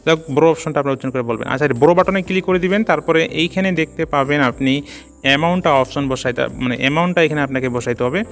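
A man narrating a casual screen-recorded tutorial, talking quickly and filling his speech with "so", "just" and "okay?" checks. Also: fairly high pitch, fairly bright tone, faint music behind. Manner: rapid, peppers speech with "so", "just" and "ঠিক আছে?". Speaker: crypto tutorial channel host.

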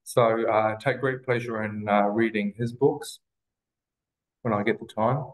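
A man's voice: on the low side, fairly even intonation, unhurried, poor audio. A man, a guest on a video call, talking in a brief, matter-of-fact way. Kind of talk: casual video-call conversation.

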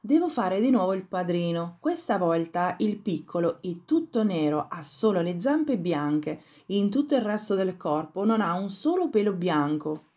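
A woman's voice: fairly low pitch, very animated, normal speed, few pauses, a little mellow. A woman voicing a sly greedy cat. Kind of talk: storybook reading.

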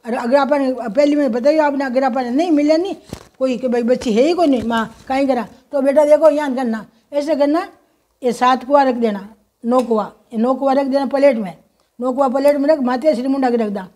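A woman with a Rajasthani accent explaining a home ritual in a folksy, motherly way, chanting mantras slowly in a sing-song voice. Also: high-pitched, mellow. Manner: folksy, motherly, addresses viewers as children. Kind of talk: instructional talk with mantra chanting.

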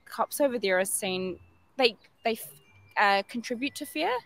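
Giggly New woman, fairly high. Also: animated, normal speed, a bit bright. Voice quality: giggly, lots of "like" fillers. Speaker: street interviewee. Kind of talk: casual street interview.

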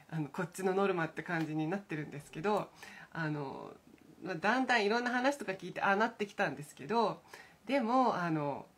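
A middle-aged woman with a husky, breathy voice pitched on the low side chats casually on a morning live stream. She meanders from thought to thought, hesitating often and slipping in soft, self-amused asides. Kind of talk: casual rambling chat.

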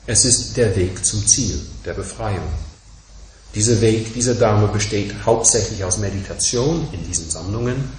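A man giving a dharma talk as a Buddhist teacher, emphatic and measured, driving his points home through insistent repeated contrasts. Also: lowish voice, a little mellow, a little hiss or hum. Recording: echoey room.

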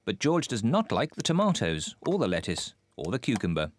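A man narrating a children's cartoon in a warm, amused storytelling manner. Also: fairly low pitch, huge pitch swings, fairly quick. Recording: cartoon with loud music underneath.

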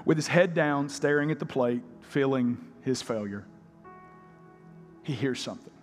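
A man's voice: mid-range voice, measured pace. A man preaching a sermon as pastor, telling a story and leading an altar call, with music behind. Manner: storytelling, shouting quoted lines, then altar call. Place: large church auditorium. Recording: live church hall with music behind.

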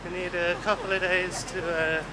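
A man's voice: high voice, flat delivery, normal speed, heavy background noise. A man in his thirties chatting casually to a handheld camera as a travel vlogger on city streets, teasing and laughing often. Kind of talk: casual vlog chat. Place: outdoors on busy city streets and night market. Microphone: handheld camera at arm's length.

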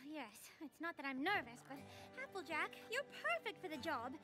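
A refined, theatrical young fashion lover speaks in a very high, genteel voice. Her pitch rises and falls with drama. Loud music plays beneath. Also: very animated, normal speed. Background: background music.

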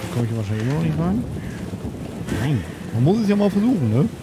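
A man's voice: fairly high pitch, very animated, fast talker, very noisy. A man giving casual, offhand commentary as he plays a video game, as if talking to himself. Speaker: let's player. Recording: loud game music and rain behind.

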